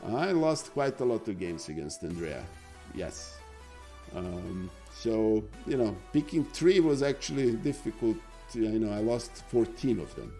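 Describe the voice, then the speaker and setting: Middle-aged man, Serbian accent, chatty chess stream commentary, deep voice, soft tone. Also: lively intonation, a little slow, faint music behind. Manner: chatty, with many fillers and asides to the chat.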